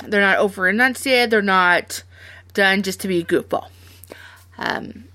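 A woman's voice: medium pitch, fairly bright tone, no echo. A woman hosting a podcast in casual chat, chatty and rambling with frequent laughs. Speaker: podcast host.

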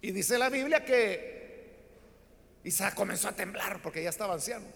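High-pitched preacher guy, really animated, long echo like a big hall. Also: normal speed, creaky. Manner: animated storytelling, acting out voices in Bible stories. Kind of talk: sermon.

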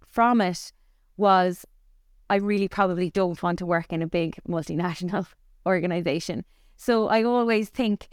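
With a smooth, medium-pitched voice and a Cork Irish accent, a woman in her forties from Ireland talks frankly about her career. A company founder, she's a guest in a conversational podcast interview, recorded with clean studio sound and no room sound.

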